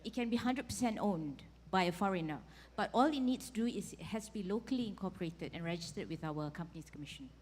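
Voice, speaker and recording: A woman's voice: fairly low pitch, animated, quick pace, few pauses, a little mellow, slightly rough. Woman, panelist, hesitant restarts, long reverb in a hall. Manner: hesitant, repeats words. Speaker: panelist from a public body. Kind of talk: panel discussion. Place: conference hall.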